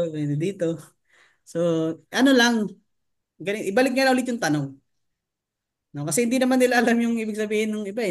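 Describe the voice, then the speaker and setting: A man leading a training seminar, who keeps asking his audience rhetorical questions and mixes English terms into his talk. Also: high voice. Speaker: network marketing trainer.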